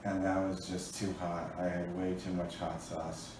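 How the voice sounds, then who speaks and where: A man vlogs in severe pain with a low, flat voice. He talks casually and sounds distant from the microphone, in a very reverberant space. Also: measured pace. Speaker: vlogger. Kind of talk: casual talk to camera. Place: hospital emergency room. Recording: very echoey, noisy, far from mic.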